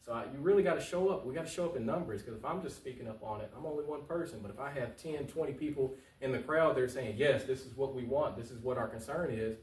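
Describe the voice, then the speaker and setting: This political candidate speaks in a medium-pitched, darkish voice, talking fast with few pauses. His interview answers are conversational and colloquial, punchy, and he goes back over his points to drive them home. He was recorded at a distance in an echoey room with a little background noise.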